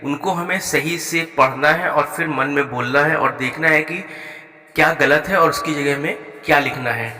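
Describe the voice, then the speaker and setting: Male schoolteacher walking pupils through an exercise, patient, spells words slowly, bright voice, roomy echo. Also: a little high. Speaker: Hindi teacher. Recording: echoey room with long reverb.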